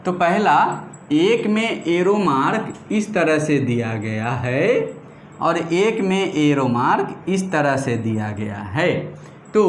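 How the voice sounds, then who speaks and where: A man's voice: a little high, roomy sound, a little hiss or hum. A male teacher gives a classroom lecture, asking questions and answering them himself. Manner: drills terms slowly, stretching single words. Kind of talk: classroom lecture in mixed Hindi and English.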